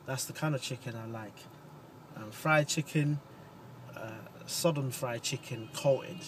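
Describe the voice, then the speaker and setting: Rambling man, distant in loud traffic. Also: medium pitch. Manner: rambling, hesitant, with many fillers. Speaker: comedy co-host, passenger. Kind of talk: casual chat. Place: inside a car driving through city streets.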